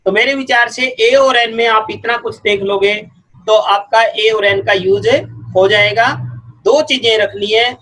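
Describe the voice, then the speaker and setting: A male teacher giving a patient, step-by-step grammar lesson, often repeating words slowly to show their sounds. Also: high voice, fairly even intonation, sharp tone, rough recording.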